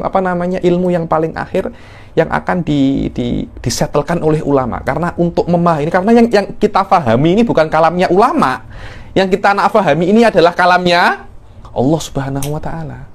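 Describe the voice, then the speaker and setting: A middle-aged man teaching a religious class, explaining at length and repeating words as he builds emphasis. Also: sits high. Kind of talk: classroom lecture.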